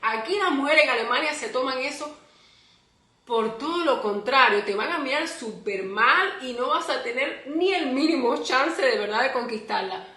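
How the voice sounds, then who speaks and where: High, bright Cuban woman vlogging. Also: roomy sound. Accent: Cuban Spanish. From Cuba. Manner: chatty, animated, acts out little quoted scenes. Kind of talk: casual advice vlog.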